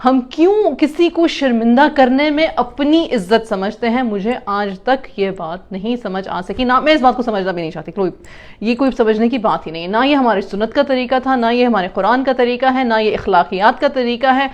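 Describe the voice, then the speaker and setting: A woman's voice: fairly high pitch, dull audio. A woman explaining communication to parents, mixing in English terms and acting out example lines.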